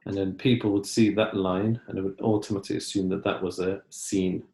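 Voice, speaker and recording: A man's voice: sits low, level tone, takes it slowly, darkish tone, reverberant. A man teaching an Arabic lesson, patiently explaining in English and Arabic. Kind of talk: online language lesson.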